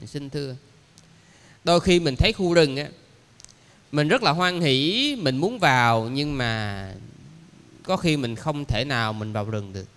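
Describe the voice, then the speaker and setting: A man, a Buddhist monk giving a dharma lecture, explaining slowly with many pauses and fillers. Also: on the high side, lively intonation, a bit bright. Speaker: Buddhist monk teaching a sutra class. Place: temple lecture hall. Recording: long hall reverb.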